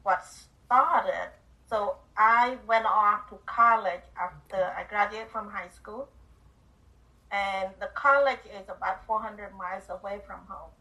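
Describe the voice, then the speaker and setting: Older Cambodian-born woman, bright voice. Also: mid-range voice, a little slow, far from the mic, low-quality recording. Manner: earnest, simple phrasing with small grammar slips. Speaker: guest, author and speaker. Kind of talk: telling her life story in an interview.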